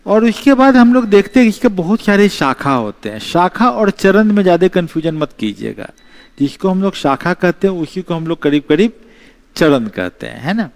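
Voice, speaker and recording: A man's voice: high-pitched, darkish tone. Man teaching, repeating key terms. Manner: explains slowly, repeats key terms, mixes English phrases. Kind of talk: exam-prep history lecture.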